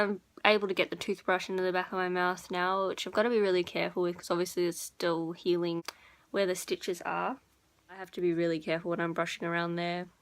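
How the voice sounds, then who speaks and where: A young woman vlogger chatting informally to her viewers, rambling a little and correcting herself as she goes. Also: medium pitch. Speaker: beauty and lifestyle vlogger. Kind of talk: casual chat to viewers.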